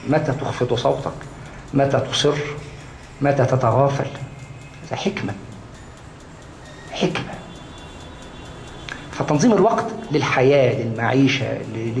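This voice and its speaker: A man's voice: a little high, vocal fry. Egyptian man teaching, echoey room. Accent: Egyptian Arabic. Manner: repeats key words for emphasis, asks and answers his own questions. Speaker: Islamic studies lecturer. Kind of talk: religious lesson to a gathered class. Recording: echoey room, faint background noise.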